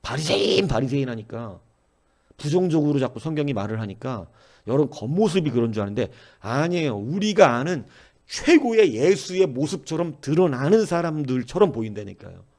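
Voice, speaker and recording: A male pastor preaches at a dawn service with a gravelly, creaky voice at a middle pitch. He exhorts earnestly and keeps turning to the congregation. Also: big pitch swings, moderate pace, a little mellow.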